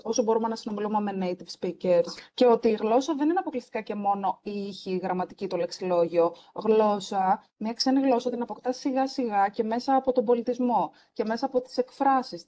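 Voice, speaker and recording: Greek-born woman podcast host, earnest and emphatic, mellow voice, kinda lo-fi sound. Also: medium pitch, slight background noise. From Greece. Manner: earnest, emphatic, mixes English words into speech. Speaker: French teacher and podcast host. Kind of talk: casual podcast conversation.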